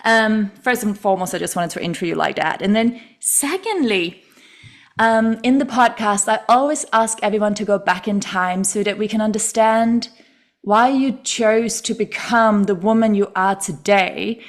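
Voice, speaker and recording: Woman podcast host, mid-pitched voice, gushing, deliberate pace. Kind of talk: interview introduction.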